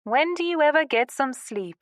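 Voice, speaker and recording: A woman voicing a spirited woman out at the pub, talking in a bright, lively way. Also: sits high, normal speed, dry recording, studio quality, voice pushed up.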